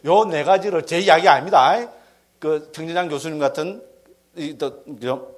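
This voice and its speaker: Monk, middle-aged man, high voice, lively teaching with constant checks for agreement. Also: normal speed. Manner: animated, keeps asking the audience for assent. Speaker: Buddhist monk lecturer. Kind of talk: dharma lecture.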